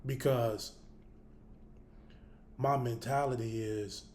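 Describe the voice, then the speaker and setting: A man's voice: mid-range voice, steady tone, slow, a little mellow, slight background noise. A man talking casually and bluntly to his listeners, cursing freely and thinking aloud, with the hiccups. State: has the hiccups. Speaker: host. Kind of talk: casual spoken reflection to camera.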